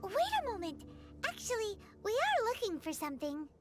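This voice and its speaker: A woman voicing a tiny, bubbly fairy girl companion in a game cutscene, chatty and excitable. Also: moderate pace, loud music behind the voice, exaggerated voice. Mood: eager. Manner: excitable, squeaky, sing-song.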